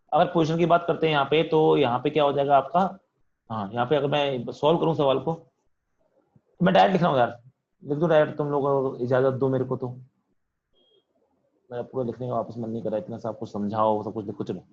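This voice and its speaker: A physics teacher speaking, leading an online class in a loud voice that he says is straining from all the shouting. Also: medium pitch, lo-fi sound. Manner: talks loudly to students, says he is shouting. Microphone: computer mic on video call.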